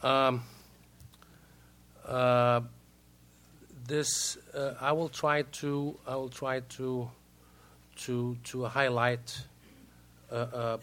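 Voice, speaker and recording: Man, Brazilian accent, native Portuguese speaker, broken English, halting diplomatic speech, narrow pitch range, mid-pitched voice. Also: level tone, fairly bright tone. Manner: halting, frequent hesitations and repeated words. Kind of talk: formal prepared remarks.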